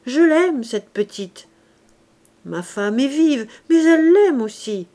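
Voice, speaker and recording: A woman's voice: fairly high pitch, lively intonation, slow, dark tone. Woman voicing a wheedling greedy innkeeper. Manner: wheedling, feigned tenderness. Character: greedy scheming male innkeeper, smooth-talking.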